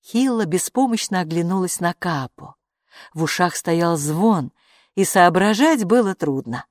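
A woman narrating a children's story audiobook in an expressive storytelling manner. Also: on the low side, unhurried, no room sound, clean studio sound.

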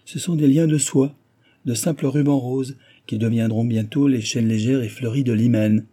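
A man's voice: medium pitch, steady tone, normal speed, mellow, close to an everyday voice. A man voicing a scheming villainous suitor who speaks with mocking courtesy and a threat behind it. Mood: ironic. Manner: mocking, oily courtesy, grinding his teeth.

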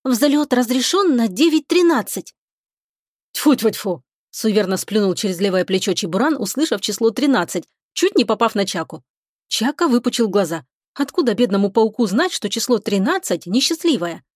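A woman narrating a science fiction audiobook chapter in an even, measured storytelling voice. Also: medium pitch, no echo, studio quality.

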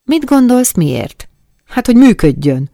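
A woman voicing a grumbling, short-tempered grown man in an audiobook, speaking loudly and snappishly. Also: a little high, very animated, vocal fry, no echo, studio quality, pitched above the performer's own voice. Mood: annoyed. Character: gruff grown man fixing a plane, irritable. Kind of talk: audiobook character voice.

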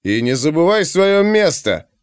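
A man's voice: on the high side, very animated, a little slow, clean tone, no echo, studio quality, pitched above the performer's own voice. A man voicing a drunk, boorish barbarian with a strong Scythian accent, slurring and scornful. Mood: drunk swagger. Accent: strong Scythian accent put on.

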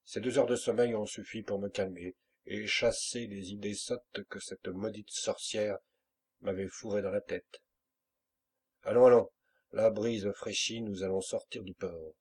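A man's voice: fairly low pitch, steady tone, a little slow, a little mellow, slightly rough. A man reading an audiobook, voicing a fierce, hot-tempered pirate captain who talks in brusque, commanding bursts. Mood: blustering.

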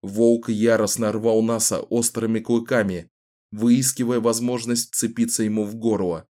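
A man narrating a fantasy audiobook in a measured, dramatic storytelling voice. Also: lowish voice, fairly even intonation, dark tone.

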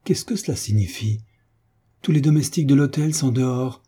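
A man's voice: mid-range voice, normal speed, dark tone, husky, voice pushed up, natural voice. A man voicing a frightened young orphan heiress, with an anxious, pleading manner.

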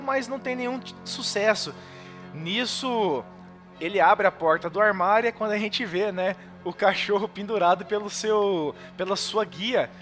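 A man's voice: sits high, a bit bright. A man with a Brazilian Portuguese accent, hosting a podcast and casually recapping a horror film, rambling with lots of fillers and chuckles. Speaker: podcast host.

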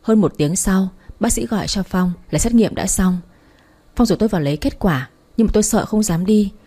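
A woman narrating a first-person love story aloud in a plain, even storytelling manner. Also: medium pitch, brisk.

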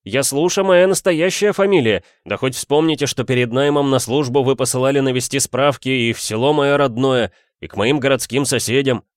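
A man's voice: medium pitch, a little fast, hardly any pauses, no room sound, studio quality, voice pushed up, natural voice. A man voicing a nervous male chauffeur who pleads and babbles. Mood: pleading.

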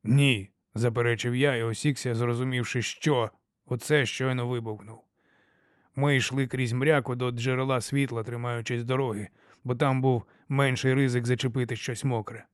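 A man reading an audiobook in a steady, measured first-person telling. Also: medium pitch, no room sound, clean studio sound. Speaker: audiobook reader. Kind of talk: scripted audiobook narration.

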